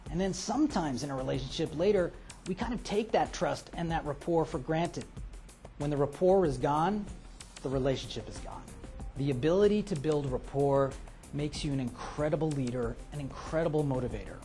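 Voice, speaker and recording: A man hosting a motivational lesson, telling a story with lively, dramatic delivery. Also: a little high, moderate pace, soft background music. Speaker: motivational host.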